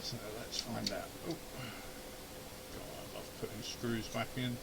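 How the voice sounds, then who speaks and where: Gravelly and medium-pitched, a man speaks a little slowly with a steady tone in a very noisy recording. In his indoor home radio shack, the amateur radio hobbyist and video host narrates a hands-on repair casually, grumbling and muttering to himself.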